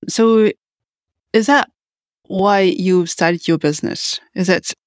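A woman's voice: mid-range voice, slow, no echo, studio quality. A woman hosting a business podcast, reading a scripted welcome and then asking her guest conversational questions. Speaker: podcast host. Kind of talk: podcast interview.

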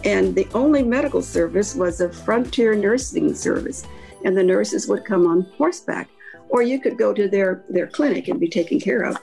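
An older Appalachian woman from Kentucky, an author and academic, rambles reflectively through anecdotes as an interview guest, her slight Kentucky accent audible. Her medium-pitched voice is creaky and mellow with lively intonation at a normal speed, over soft background music in poor-quality audio.

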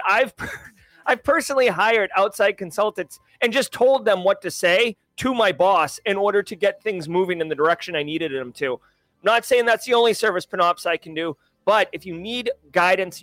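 High-voiced, energetic livestream host man. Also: no room sound. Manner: energetic, slangy, addresses chat directly. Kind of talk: casual livestream chat.

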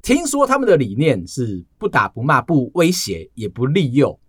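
A man co-hosting a podcast, telling stories in a casual, animated chat. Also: mid-range voice, moderate pace, husky, no room sound, clean studio sound. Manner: storytelling, animated. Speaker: podcast co-host.

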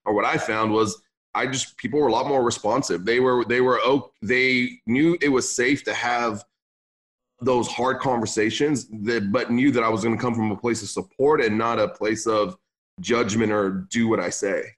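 This podcast guest, a young gym owner from Lebanon raised in California, isn't a native English speaker and talks in a relaxed interview style. His voice sits in the mid range, moves at normal speed, and sounds fairly bright with fairly even intonation. Sentences get restarted and "man" pops up frequently.

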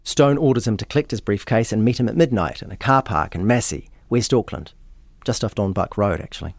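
A man, hosting and narrating a true-crime story in a measured, matter-of-fact way. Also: on the low side, expressive, no room sound. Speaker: podcast host.

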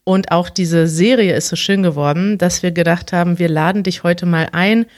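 A woman's voice: fairly low pitch, steady tone, normal speed, darkish tone, dry recording, clean studio sound. A woman hosting a podcast, asking questions in an enthusiastic, easy manner and laughing readily. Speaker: podcast host. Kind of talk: casual interview.

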